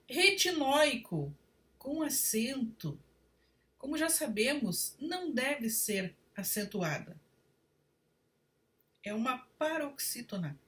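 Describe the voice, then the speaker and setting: A woman giving a read-aloud grammar lesson, spelling out spelling rules one word at a time in a deliberate way. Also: a little high, a bit bright, far from the mic. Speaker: Portuguese writing teacher.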